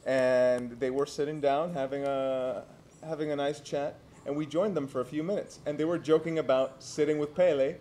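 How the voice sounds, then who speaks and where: A young man from Santiago, co-hosting a casual chat and telling stories in a relaxed way, with laughs and restarts. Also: a little high, moderate pace, slight background noise. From Santiago, Dominican Republic. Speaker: co-host.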